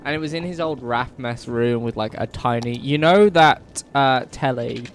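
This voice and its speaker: A man's voice: medium pitch, moderate pace, a little hiss or hum. Young male co-host; dry, chatty anecdotes over gameplay. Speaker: gaming podcast co-host. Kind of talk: casual chat over gameplay.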